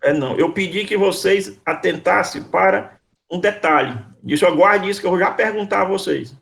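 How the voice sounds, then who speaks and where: Male university lecturer on a video call, high voice with a gritty edge, keeps repeating questions and calling on students. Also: moderate pace, creaky, fairly bright tone. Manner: didactic, repeats questions, calls on students by name. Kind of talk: online class, quizzing students.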